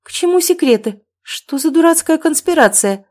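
A loud, bossy middle-aged mother storms through this audiobook scene, her voice pushed high and shrill. She scolds in a shouting rush and never settles down, all done by a woman narrator. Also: expressive, normal speed, close to an everyday voice. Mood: indignant. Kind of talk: audiobook character voice.

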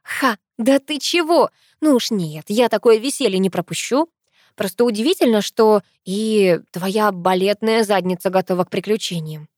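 A woman voicing a brash, teasing young woman who mocks her sister loudly in an audiobook. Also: medium pitch, normal speed, no room sound, studio quality, natural voice. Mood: gleeful. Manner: loud, mocking, exclamatory. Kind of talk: audiobook character voice.

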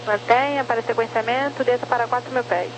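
A woman's voice: fairly high pitch, steady tone, brisk. A Brazilian woman working as an air traffic controller, giving clipped procedural instructions over crackly radio. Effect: crackly aviation radio. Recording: noisy, dull crackly radio channel.

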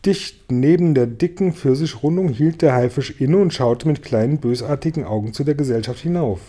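A man reading a children's storybook aloud, narrating in a lively, dramatic way. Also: mid-range voice, moderate pace. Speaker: audiobook reader.

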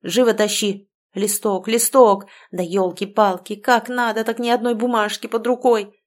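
A woman voicing a gruff, blustering middle-aged village man in an audiobook. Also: mid-range voice, normal speed, close to an everyday voice. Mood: shouting orders. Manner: barking, blustering.

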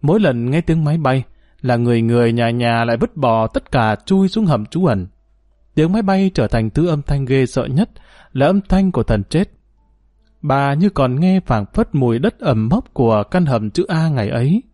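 A man reading a serialized story aloud in a calm, measured, formal storytelling manner as the program's host. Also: medium pitch, dry recording, studio quality. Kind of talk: scripted story narration.

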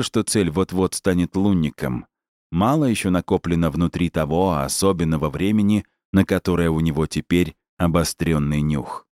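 A man narrating an audiobook in a steady, even storytelling manner. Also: deep voice, dry recording, studio quality. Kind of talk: scripted narration.

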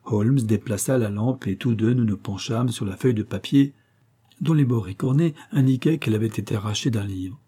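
A man narrating an audiobook in a measured, even way. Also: on the low side, slightly rough. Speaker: audiobook reader. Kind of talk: scripted narration.

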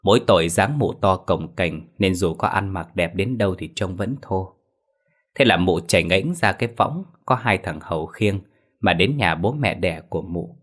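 Man, very deep voice, measured ominous ghost story narration. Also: a bit bright.

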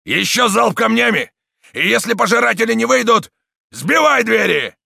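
Guy doing a huge thundering stonebreaker, gravelly, yelling orders. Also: very high voice, big pitch swings, moderate pace, no echo, studio quality, voice pushed up, heavily acted. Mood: roaring. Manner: thundering, bellowing commands. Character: huge roaring brutal male stonebreaker, mob leader.

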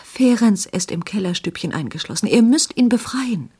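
A frail, feverish young woman, as the reader of a radio story puts her on pleads in a hurried, hushed voice. The voice sits higher than the reader's own and sounds breathy and husky. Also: animated. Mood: urgent whisper. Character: feverish sick young woman, urgent and weak.

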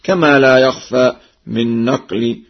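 Male recitation teacher for an old radio lesson: explains each reading, then chants the verse, unhurried, husky voice, dull archival sound. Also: medium pitch, steady tone.

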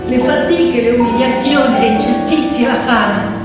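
A stage storyteller and actress performs a dramatic theatrical story with piano, in a fairly high voice at a moderate pace. Her delivery is poetic and emphatic, with incantatory phrasing. The recording comes from an echoey, reverberant hall with a distant mic and loud piano music.

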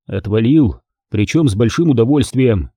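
A man reading an audiobook, voicing a calm, stubborn army captain who answers quietly and with restraint. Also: medium pitch, normal speed, breathy edge, dry recording.

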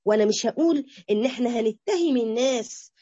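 A woman with an Egyptian Arabic accent giving a religious lesson to women, animated and acting out quoted speech. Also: a little high, quick pace, husky, no room sound, muffled recording. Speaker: religious teacher. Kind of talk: Quran interpretation lesson to women.

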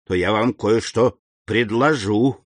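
A man's voice: lowish voice, takes it slowly, no echo. A man voicing a humble middle-aged prison gatekeeper, deferential and eager in an audiobook reading.

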